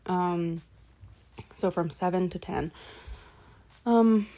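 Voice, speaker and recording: Drawing out her words in a fairly low, mellow voice, a book vlogger rambles through a novel's storyline. She leans on fillers, doubles back to fix what she said, and drops casual swears.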